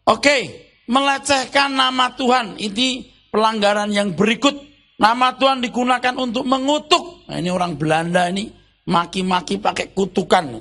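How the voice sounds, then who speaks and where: A man's voice: sits high, steady tone, moderate pace, pushed and bright. A man pastor preaching a sermon in a loose, colloquial way, tossing rhetorical questions at the congregation.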